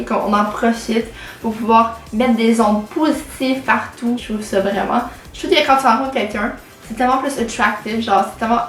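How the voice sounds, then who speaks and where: Young woman, Québécois accent, bright high voice, loose filler-heavy chat, roomy echo. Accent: Québécois French. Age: late teens. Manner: chatty, many fillers and anglicisms. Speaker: vlogger. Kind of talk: casual chat to camera. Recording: echoey room with faint music.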